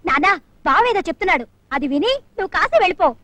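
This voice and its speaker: A woman's voice: very high-pitched, expressive, racing, a bit bright, dry recording. An actress playing a flighty young college woman who mixes English into her talk in a playful way. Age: young adult. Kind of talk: 1970s Telugu film acting.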